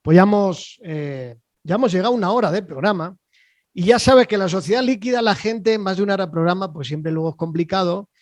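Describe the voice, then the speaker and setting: A host with a fairly high, slightly mellow voice runs an online interview over a video call, brisk, chatty and rambling, full of fillers and "¿vale?" tags as he keeps checking in with his guest. His audio is dry, close and dull, with no room around it.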